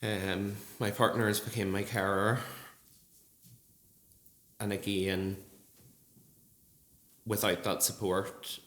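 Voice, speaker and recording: Man, early thirties, low voice, earnest testimony speech, echoey hall. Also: level tone, a bit bright. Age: 30s. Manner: earnest, measured, with frequent ums. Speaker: nurse speaking at a support group event. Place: large gallery hall. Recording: echoey hall with faint ambience.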